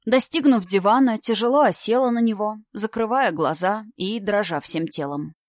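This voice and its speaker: Woman narrator, first-person audiobook, mid pitch, dry close sound, steady expressive telling. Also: normal speed, no room sound.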